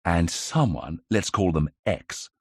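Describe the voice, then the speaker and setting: A man voicing a young 1920s gentleman amateur detective in an audiobook, brisk and self-assured as he theorizes. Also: low voice, breathy edge, no echo, studio quality, heavily acted. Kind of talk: audiobook character reading.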